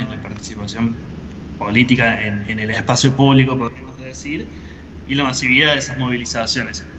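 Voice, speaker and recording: A man's voice: medium pitch, lo-fi sound. A man attending a seminar, asking a long question politely and rephrasing it as he goes. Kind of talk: academic question. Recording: clear noise in the background.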